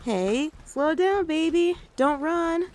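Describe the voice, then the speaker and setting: A woman playing a gentle, doting mother in a soft-spoken ASMR role-play, soothing and coaxing as she talks to the listener like a small child. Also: high voice, lively intonation, slow pace. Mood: tender. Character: gentle doting mother taking her little one out. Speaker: ASMR creator.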